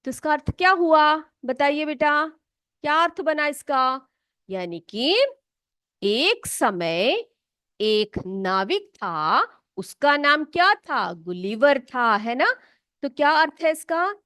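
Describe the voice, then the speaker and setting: A woman teacher from North India, explaining English words and spelling them out slowly, often checking whether the pupils follow. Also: high voice, big pitch swings, a bit bright, dry recording, studio quality. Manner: slow, drawn-out spelling and frequent check-ins with pupils. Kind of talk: classroom English vocabulary lesson.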